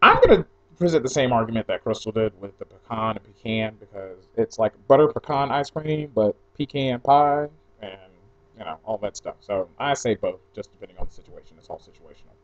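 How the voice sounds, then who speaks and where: A young man with a fairly low, sing-song, slightly bright voice talks fast as he records an audio blog post. Born in New Jersey and mostly raised in Atlanta, he reads through a questionnaire casually and offhandedly, drifting into asides, in a slightly dull lo-fi home recording.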